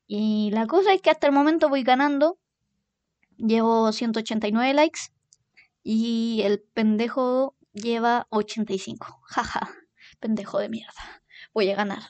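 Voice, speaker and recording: A young woman in her twenties with a Chilean accent, telling stories in a casual, animated monologue and swearing freely. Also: a little high, no echo. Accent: Chilean Spanish. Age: 20s. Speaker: podcast host.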